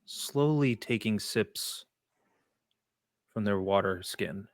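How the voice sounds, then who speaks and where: Casting: male game master, lowish voice, deliberate dramatic narration with pauses, dry studio-like sound. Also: no room sound. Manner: deliberate, pausing between short phrases.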